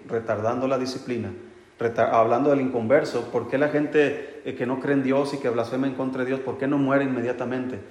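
A male pastor delivers a sermon at a middle pitch, calling his listeners brothers and asking rhetorical questions that he answers himself. His voice rings through a roomy hall with a long, trailing reverb. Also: a little mellow. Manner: addresses listeners as brothers, light humor.

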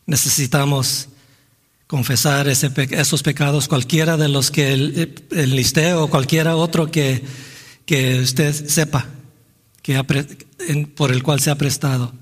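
A man's voice: fairly high pitch, fairly even intonation, a little slow. Male preacher in a reverberant church. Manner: earnest, with frequent restarts and rhetorical "¿no?". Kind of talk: sermon. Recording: long hall reverb.

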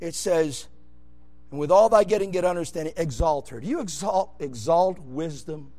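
A man preaching an emphatic Baptist sermon, swinging between loud shouted bursts and low, quiet asides. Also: normal speed. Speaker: pastor.

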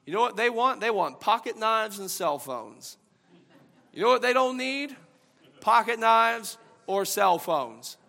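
A man preaching a sermon as a pastor, swinging from loud emphasis to hushed tones. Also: high-pitched, expressive, measured pace, gravelly. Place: church sanctuary. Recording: long church hall reverb.

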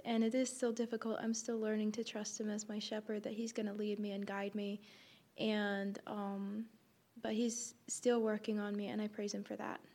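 A young woman, a college student from Nepal and North Carolina, gives a sincere testimony with pauses and fillers. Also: mid-range voice, a little mellow. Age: young adult. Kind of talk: spoken testimony.

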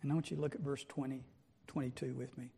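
Brief: male preacher, dark slightly high voice, rhetorical questions, long church echo. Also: level tone, quick pace, gravelly, slightly rough. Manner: emphatic, asks many rhetorical questions. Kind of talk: sermon. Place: church sanctuary.

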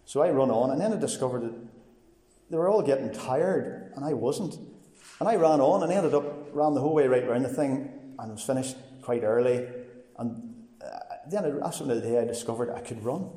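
A man in his forties with a Northern Irish accent, giving a personal testimony in a plain, earnest, halting way. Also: medium pitch, animated, dark tone. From Northern Ireland. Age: 40s. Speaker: testifying church member. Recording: echoey hall with long reverb.

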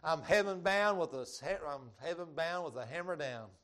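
A middle-aged male preacher speaks in a rural Georgia drawl, pitched a little high for a man. His evangelical delivery is folksy and plain-spoken, built on repetition and direct questions to his listeners. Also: animated, normal speed, fairly bright tone. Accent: Southern US, rural Georgia. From Georgia, United States. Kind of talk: evangelical sermon with altar call.

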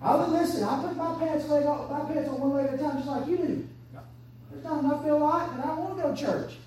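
A woman, preaching an impassioned sermon that swings between hushed and shouted. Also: high voice, fairly quick, a little hiss or hum. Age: 30s. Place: church sanctuary. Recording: echoey church from far off.

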